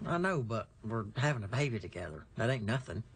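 An actor with a Texan accent playing an earnest, folksy young store clerk in a TV comedy-drama. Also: male voice, mid-range voice, very animated, brisk, slightly rough. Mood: defensive, earnest. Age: young adult. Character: earnest young male video store clerk, expectant father. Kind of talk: naturalistic TV comedy-drama acting.

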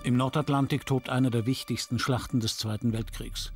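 A man narrates a history documentary in a grave, measured delivery. His pitch is medium and his phrases are short and dramatic, with music clearly playing behind. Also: fairly even intonation. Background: background music.

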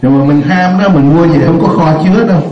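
An older man leads a class, chatty and joking and slowly repeating each word. His voice sits fairly high for a man. It is captured in a roomy classroom on a dull, lo-fi recording. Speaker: teacher. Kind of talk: classroom English lesson.

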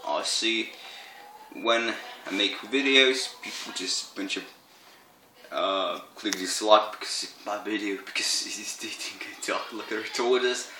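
A man talks slowly and haltingly in a casual home vlog, his tone bright and forward, his tired voice sounding strained. The room around him is echoey. He stumbles through fillers and repeats words. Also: lowish voice, a little hiss or hum. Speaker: vlogger. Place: indoor room.

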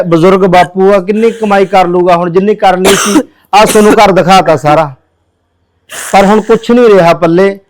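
High, smooth-voiced man making an earnest appeal. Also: low-quality recording. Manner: earnest, pleading, addresses viewers as brothers. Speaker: social worker. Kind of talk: charity appeal walkthrough video.

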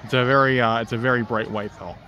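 A man's voice: mid-range voice, fairly even intonation, quick pace, pushed and bright, slight background noise. A man talking casually in a vlog, easygoing and rambling, laughing between thoughts. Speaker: vlogger.

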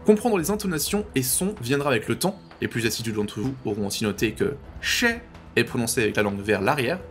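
A man's voice: mid-range voice, lively intonation, a bit bright, faint music behind. Patient man explaining pronunciation. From French-speaking. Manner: patient, repeats pronunciations slowly and clearly. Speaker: language tutorial host. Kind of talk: explanatory tutorial narration.

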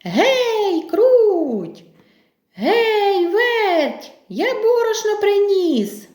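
A woman voicing a hardworking, cheerful little rooster in a storybook tale, calling out in a high sing-song voice. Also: huge pitch swings, slow pace, a little mellow, full character voice. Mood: calling cheerfully. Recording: echoey room.

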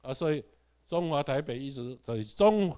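A man lecturing a class in a fairly high voice. He peppers the room with rhetorical questions and has the class repeat words after him. His delivery jumps from loud, emphatic stretches to low asides. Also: lively intonation, normal speed, smooth. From Taiwan. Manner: swings between loud emphatic bursts and quiet asides.

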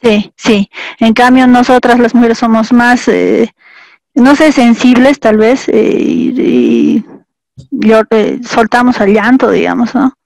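A woman's voice: fairly high pitch, slow pace, vocal fry, a little mellow, no room sound, low-quality recording. A woman student speaking in a class discussion, hesitant with many fillers.

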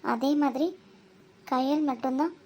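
High-voiced woman narrating a cartoon. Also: measured pace, darkish tone. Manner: explaining, storytelling.

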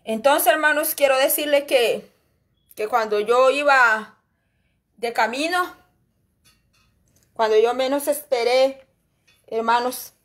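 A woman's voice: high voice, takes it slowly, long pauses, a bit bright. A woman giving a spoken religious testimony as a lay preacher. She talks earnestly and repeats herself, often calling out to her listeners as brethren. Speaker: lay preacher sharing a revelation.

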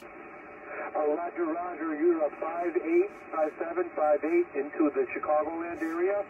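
A man's voice: on the high side, level tone, unhurried. A man calling in over ham radio, clipped and businesslike with phonetic call signs and signal reports. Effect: received over a ham radio transceiver. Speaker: amateur radio operator calling in. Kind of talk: ham radio contact exchange. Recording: tinny, distant, noisy radio reception.

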